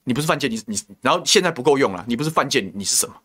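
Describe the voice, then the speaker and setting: A political talk show host with a Taiwanese Mandarin accent rants at a rapid-fire clip, animated and fairly bright at medium pitch. His heated commentary is indignant, peppered with rhetorical questions and name-calling.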